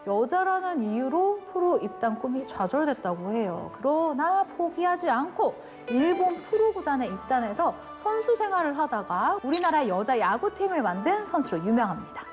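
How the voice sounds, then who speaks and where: A woman co-hosting a film talk show, chatting about movies in a lively, playful way. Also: high voice, moderate pace, hardly any pauses, over music. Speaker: co-host, film reporter.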